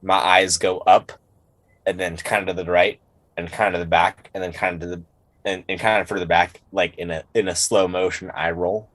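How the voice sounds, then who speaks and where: A man's voice: deep voice, flat delivery, moderate pace, a bit bright, no echo, rough recording. A man playing a tabletop game, rambling and cheeky, swearing freely. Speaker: player. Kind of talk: casual tabletop role-play.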